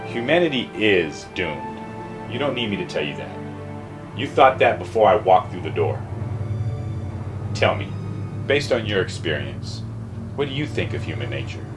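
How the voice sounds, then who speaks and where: A man's voice: low voice, big pitch swings, moderate pace, pauses often. An actor playing the devil as a persuasive, mocking salesman in a short film, with music behind. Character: smooth-talking male devil posing as a salesman, scornful of humanity.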